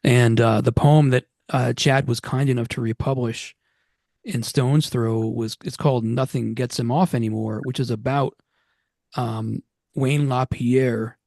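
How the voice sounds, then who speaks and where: A man's voice: medium pitch, fairly even intonation, unhurried, gravelly, a little mellow, no room sound, studio quality. A man from Massachusetts chatting casually on a video call at an online poetry gathering, rambling with many restarts. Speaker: poetry reading attendee. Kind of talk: casual chat.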